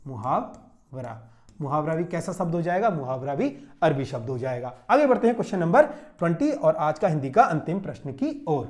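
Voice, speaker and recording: A man's voice: high-pitched, a little mellow. A young man teaching an exam-solution lesson at a board, drilling points rhetorical questions he answers himself. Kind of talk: classroom exam-solution lecture. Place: classroom standing at a board.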